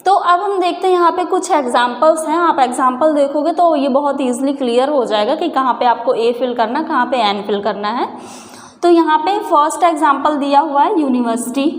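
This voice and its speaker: High-voiced woman teaching in an echoey room. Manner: patient, repeats questions to the viewer and answers them. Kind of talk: explaining a grammar lesson.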